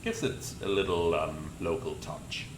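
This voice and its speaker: Speaking a little slowly in a rumbling low voice, a man presents a flight simulator as a pilot. He explains procedures and reads radio calls back, recorded with a roomy sound and steady cockpit noise.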